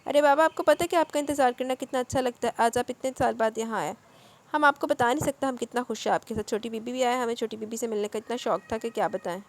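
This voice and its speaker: A devoted old male caretaker from an audio novel who greets the family warmly and respectfully, read by a woman narrator. His lines come fast and fairly high. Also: close to an everyday voice. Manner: warm, respectful.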